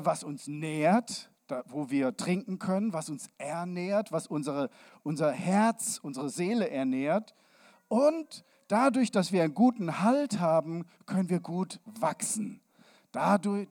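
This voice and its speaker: Slow, gentle children's sermon voice. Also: medium pitch, dry recording, studio quality. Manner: speaks to children, asks them questions, drops into whispers. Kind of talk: children's sermon with hands-on demonstration.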